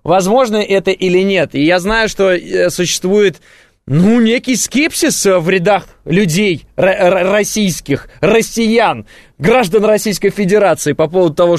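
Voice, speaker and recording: A man's voice: high-pitched, no room sound. A man hosting a radio call-in show, chatting in a joking, self-ironic way with many fillers. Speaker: radio host. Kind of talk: casual radio talk with callers.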